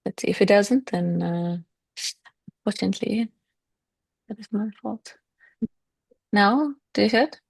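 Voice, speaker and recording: A woman with a gravelly, husky voice talks over a video call in an easygoing way, thinking aloud as she goes. Her sound is dry and close, with no room around it. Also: mid-range voice, a little slow, long pauses, dry recording. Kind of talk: casual meeting chat. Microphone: video call with earphones.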